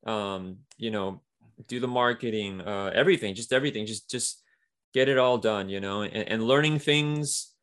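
A man from the Mexico–US border region appears as an interview guest, discussing his work as a comic writer. His voice is on the low side and fairly bright, at normal speed, and he talks in a casual, rambling way full of fillers.

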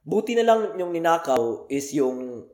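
A man with a Filipino accent hosts a relaxed podcast chat. His pitch swings widely as he tells animated stories, and he breaks into laughter often. The talk is loose banter among friends. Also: measured pace. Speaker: podcast host. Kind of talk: casual banter.

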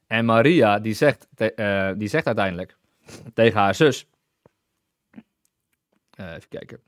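A man's voice: on the low side, measured pace, no room sound, clean studio sound. A man teaching through a Bible passage, enthusiastic, often breaking into hallelujah and restarting sentences as he explains scripture. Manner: many restarts while reading and explaining scripture.

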